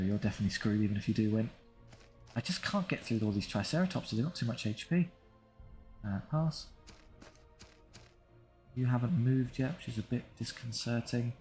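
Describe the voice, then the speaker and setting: A medium-pitched, slightly mellow male voice belongs to a gaming creator going through his own strategy playthrough. His commentary is casual and understated as he reasons aloud and addresses his units with dry humor.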